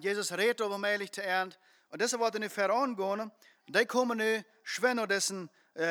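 A man's voice: high voice, pushed and bright. A man preaching a sermon, telling a story earnestly and with emphasis, with frequent fillers as he goes.

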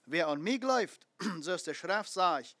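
A man's voice: high voice, animated, a little slow, fairly bright tone, no room sound. A man preaching a sermon, emphatic, repeating phrases and asking rhetorical questions.

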